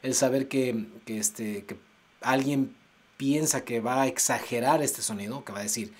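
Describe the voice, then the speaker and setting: A man teaching English pronunciation, exaggerating sounds slowly to demonstrate them. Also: medium pitch, breathy edge. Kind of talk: pronunciation lesson. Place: United States.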